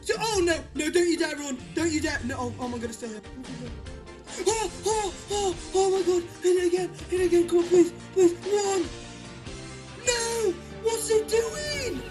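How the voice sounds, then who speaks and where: A raging gamer reacting live to a game, worked up, pleading, wailing and shouting in frustration. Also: extremely high pitch, moderate pace, music in the background.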